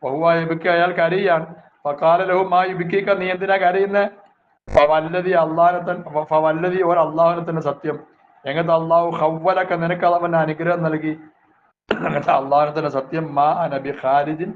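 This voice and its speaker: A religious teacher, going through Arabic phrases and explaining them in a measured voice. His voice sits a touch high for a man. The sound is narrow and phone-like, with a faint hiss underneath. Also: steady tone.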